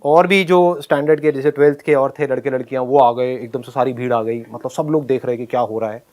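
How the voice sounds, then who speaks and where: A man tells a personal school story in an animated way, laughing often and acting out his own lines. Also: medium pitch, fast. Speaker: speaker telling a school story.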